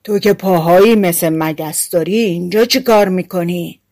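A woman voicing a huge male giant in a storybook, gruff and scornful, giving orders loudly. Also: on the low side, natural voice. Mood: gruff commanding. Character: huge male giant, commanding but cowardly inside.

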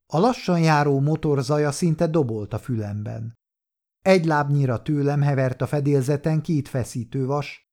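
A man narrating a first-person crime story in a calm, measured reading. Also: medium pitch. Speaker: audiobook narrator.

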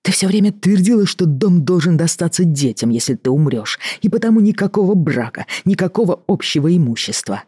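Reader as a weary middle-aged doctor at the end of his rope; reproachful, husky, dry. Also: mid-range voice, big pitch swings, warm tone, no room sound, voice pushed up. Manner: tired, reproachful, measured. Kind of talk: audiobook reading.

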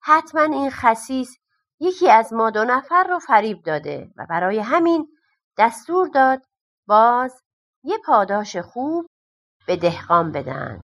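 A quick-tempered storybook king barks his orders in a commanding tone, as a woman reader plays him. The voice stays fairly high but firm. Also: very animated, a bit bright. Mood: stern.

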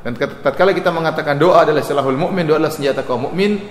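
Brief: male preacher, rapid animated sermon delivery, recorded in a reverberant hall with faint background noise. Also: fairly high pitch. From Indonesia. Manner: fast, animated preaching with mocking sing-song prayer imitations. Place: lecture hall with audience.

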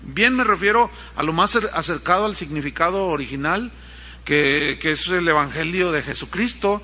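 A man's voice: on the high side, normal speed. A man preaching a sermon in a conversational way, with asides to the congregation and acted-out quotes. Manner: animated storytelling, acting out quotes.

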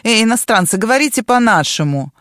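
A woman's voice: mid-range voice, lively intonation, moderate pace, no echo, studio quality, close to an everyday voice. A woman voicing a brash, bossy girl turned into a dragon, mocking and domineering.

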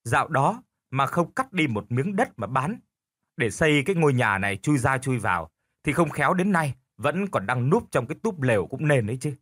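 A man voicing a sharp-tongued, thrifty older village wife who scolds her lazy husband with sarcasm. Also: medium pitch, very animated, normal speed, slightly rough, no echo, clean studio sound. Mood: sarcastic scolding.

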